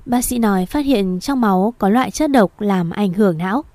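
A woman's voice: mid-range voice, normal speed, a little mellow, no room sound, close to an everyday voice. A woman reading a polite caring young man. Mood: gentle.

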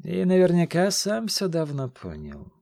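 A haughty, scheming king whose voice rises loud and strained when he is crossed, as a man plays him. He sounds close and dry, with no echo. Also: fairly high pitch, huge pitch swings, a little slow, creaky, voice pushed up, full character voice. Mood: mocking. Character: haughty scheming male king, quick to rage.

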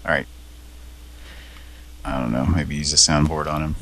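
A man hosting a prank call show in loose, wry chat, with swearing dropped in as he goes. His voice is very deep and gravelly. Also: steady tone, moderate pace, fairly bright tone. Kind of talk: casual chat.

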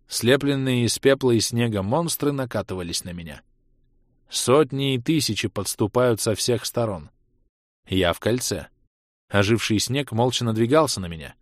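A man reading a first-person fantasy audiobook, with a dramatic reading style and shouted outbursts. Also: mid-range voice, dry recording, clean studio sound. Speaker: audiobook narrator.

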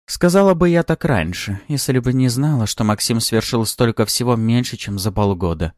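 A man's voice: mid-range voice, animated, moderate pace, a little mellow, dry recording, clean studio sound, pitched above the performer's own voice, lightly acted. A man reading an audiobook, voicing an ambitious young woman with a wry, playful, mocking manner. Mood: amused. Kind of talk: audiobook character voice.

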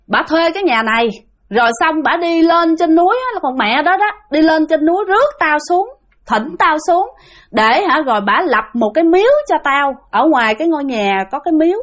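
A woman's voice: high voice, lively intonation, normal speed, a bit bright, pitched above the performer's own voice. A woman voicing a rude female mountain spirit who possesses a mother, with a scolding, contemptuous manner. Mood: boastful. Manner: scolding, contemptuous, demanding offerings.

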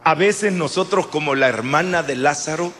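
A man preaching a sermon in an animated way, with chatty asides to the congregation. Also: a little high, normal speed.

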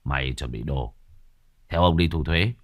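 A man voicing a domineering village tax official who barks gruff threats and shouts in panic. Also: a bass voice, normal speed, no echo, pitched below the performer's own voice.

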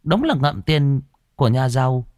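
A man's voice: medium pitch, sing-song, normal speed, a little mellow, no echo, studio quality, pitched above the performer's own voice, close to an everyday voice. A man voicing a second village gossip who gives knowing, foreboding warnings, in a story reading. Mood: ominous. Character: second gossiping villager, ominous, whispering doom.

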